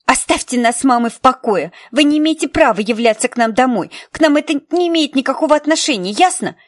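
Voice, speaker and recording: A woman voicing a defiant, foul-mouthed teenage girl who yells when she talks. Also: fairly quick, close to an everyday voice. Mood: furious. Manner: shrill and yelling.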